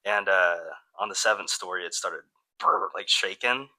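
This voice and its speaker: Bright-voiced playful man. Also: low voice, normal speed. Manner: playful, rambling, jokey. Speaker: podcast co-host. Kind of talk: casual comedic chat.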